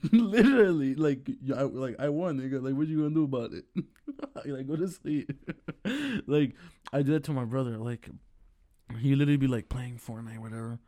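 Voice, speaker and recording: A man's voice: mid-range voice, expressive, normal speed, warm tone. A young man from Chicago, a podcast guest, rambling and laughing as he tells a story and acts out both sides of an argument. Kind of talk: casual storytelling chat.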